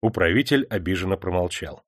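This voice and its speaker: A man's voice: low-pitched, expressive, a little fast, no echo. Male audiobook narrator, dry sound. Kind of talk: scripted narration.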